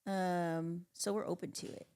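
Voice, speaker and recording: A woman's voice: on the low side, flat delivery, unhurried, darkish tone, smooth. A woman in her thirties, a band member guest in a casual interview, upbeat and repeating phrases for emphasis. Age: 30s.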